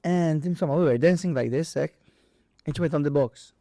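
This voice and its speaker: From Malta, this boxer and boxing trainer speaks as an interview guest in a fairly high, dark-toned voice, a little fast. He tells casual, animated stories in non-native English with a Maltese accent, acting out dialogue and impacts, in a dry, studio-quality recording.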